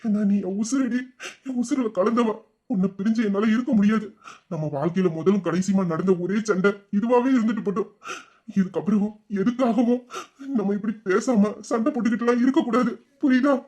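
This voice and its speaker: In a romantic audio drama, a man voices a loving young husband, sounding earnest, reassuring and teasing. His voice sits high and is a little mellow, and he speaks briskly.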